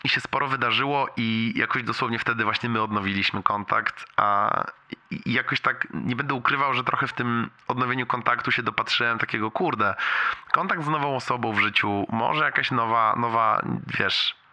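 A man's voice: mid-range voice, normal speed, pushed and bright. A young adult man leaving a casual, confiding, slangy voicemail for a friend. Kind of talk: casual rambling personal voicemail.

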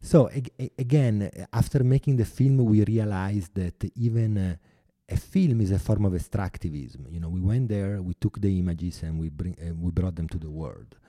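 Italian guy, really low dark voice, talks slow and earnest with lots of uh's and restarts, dry close sound. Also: dry recording. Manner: earnest, halting, with many restarts and fillers. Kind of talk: interview answers. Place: New York.

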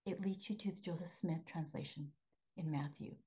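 A woman hosting a faith podcast as a spiritual coach, talking earnestly, repeating phrases for emphasis and often sinking into a soft half-whisper. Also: low voice, normal speed, slightly rough, lo-fi sound.

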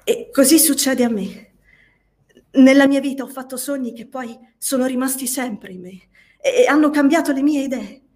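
A woman's voice: sits high, moderate pace, darkish tone, close to an everyday voice. A woman voicing a passionate, troubled young woman who stammers as she pours out a strange dream, read as an audiobook. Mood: earnest. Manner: stammering, emotional. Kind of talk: audiobook reading.

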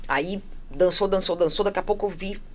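A woman from São telling a personal story in casual chat, animated and acting out the voices of the people she quotes. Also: on the low side, brisk. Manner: animated, acts out quoted voices, laughs often. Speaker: guest.

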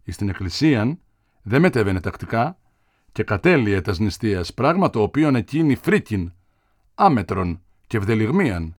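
A man narrating a literary audiobook in a measured, expressive reading style. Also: lowish voice, no echo, studio quality.

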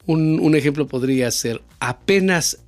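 A man's voice: fairly high pitch, a little slow. A man with a Mexican accent co-hosting a casual Spanish lesson podcast, explaining expressions with frequent "este" fillers. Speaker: podcast co-host and Spanish tutor.

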